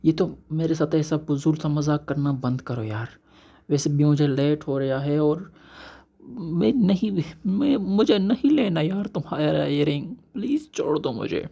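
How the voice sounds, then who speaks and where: A man's voice: on the high side, expressive, unhurried, vocal fry, dark tone, dull audio, exaggerated voice. Man doing a bewildered young hero. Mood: annoyed. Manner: whiny, pleading. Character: young male hero, confused and exasperated.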